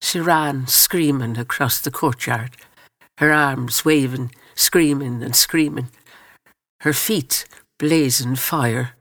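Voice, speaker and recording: A man reading a story aloud in solemn, measured scripted narration. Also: medium pitch, a bit bright, no echo, studio quality.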